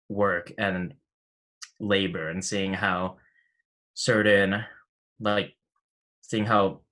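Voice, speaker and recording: A man's voice: fairly low pitch, bright, forceful tone. A man in his twenties, a graduate student, giving a casual acceptance speech over a video call, peppered with "like". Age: 20s. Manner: casual, fluent, many likes. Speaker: graduate student, scholarship recipient.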